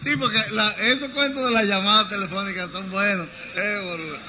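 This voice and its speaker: A man telling jokes in a casual, animated way, switching voices for the characters. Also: high voice, a little fast, noisy background. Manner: animado, cambia de voces al contar. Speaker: joke teller. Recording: ruido de fondo claro.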